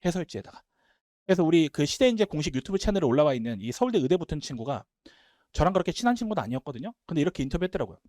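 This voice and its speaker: Brief: male instructor, slightly high voice, very animated delivery, seminar lecture. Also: no echo, clean studio sound. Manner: emphatic, talks fast and animated. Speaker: Korean-language instructor.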